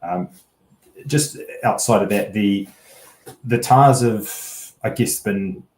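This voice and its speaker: Low-voiced man in an echoey room. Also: slow pace, a little mellow. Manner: hesitant, rambling, hedging delivery. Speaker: rugby betting pundit. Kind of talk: casual sports analysis chat.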